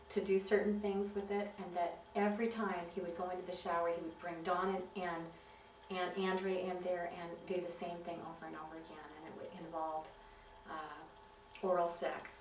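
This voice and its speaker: A woman giving personal testimony, telling her story in an earnest, halting way. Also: on the low side. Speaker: witness giving filmed testimony. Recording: roomy, distant mic with faint hiss.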